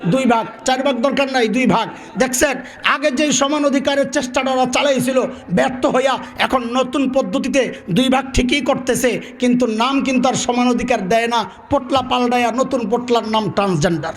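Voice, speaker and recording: A man's voice: very high-pitched, fairly quick. A man preaching a sermon, quizzing his audience and acting out little dialogues. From Bangladesh. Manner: animated call-and-response, quizzing the crowd; acts out characters in dialogue.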